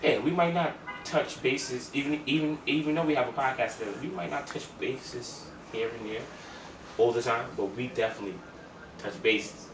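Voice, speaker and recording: A man of medium pitch talks at normal speed as co-host of a casual, story-driven podcast. He's emphatic, slangy and repetitive, and the distant mic picks him up in an echoey, noticeably noisy room.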